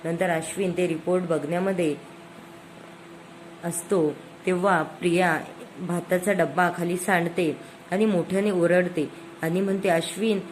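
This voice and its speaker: A woman's voice: lowish voice, steady tone, a little slow, long pauses, a little hiss or hum, poor audio. A woman recapping a TV serial episode in a casual storytelling way, quoting each line of dialogue.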